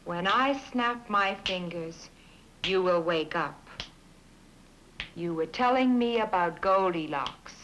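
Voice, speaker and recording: An actress playing a psychiatrist in a 1960s film comedy, speaking calmly and firmly to her patient. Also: on the low side, slow pace, noisy background. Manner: calm, firm, instructive.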